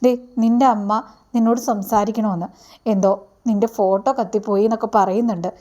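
A woman voicing a calm, middle-aged father who reasons firmly, in a retelling of a TV serial. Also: mid-range voice, a little fast, lightly acted.

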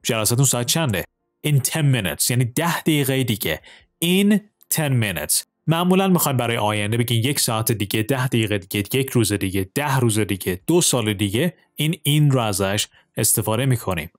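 Iranian man teaching English, lively pitch. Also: dry recording, clean studio sound. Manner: reads English lines slowly and clearly, explains quickly. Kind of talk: language lesson, explaining in Persian with English examples.

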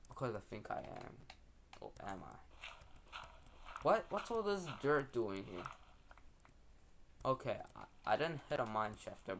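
A man's voice: fairly low pitch, creaky, slight background noise. A young man giving casual, rambling, slangy gameplay commentary as a video host.

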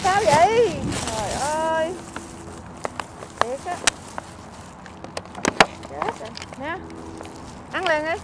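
High-voiced Southern Vietnamese woman fussing. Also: animated, takes it slowly, long pauses, very noisy. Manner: scolding and fussing, exclaims often. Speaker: vlogger helping homeless people. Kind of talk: casual on-street chat. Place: outdoors by a street.

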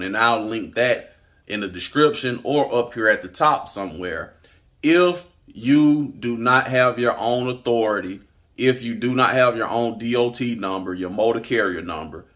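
A man's voice: mid-range voice, a bit bright. A man hosting a trucking advice vlog, talking straight to camera in a blunt, emphatic way and repeating his points. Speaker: trucking channel host.

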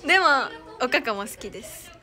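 A woman's voice: very high voice, huge pitch swings, unhurried, pushed and bright, soft background music. A young woman with a Kansai accent, chatting casually on a live stream, giggling often as she thanks fans and reads their comments. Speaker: idol streamer.

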